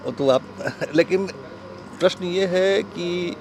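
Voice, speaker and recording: Male reporter, interviewer, brisk and direct, outdoors with light traffic. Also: high voice, vocal fry, a little mellow. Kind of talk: news interview.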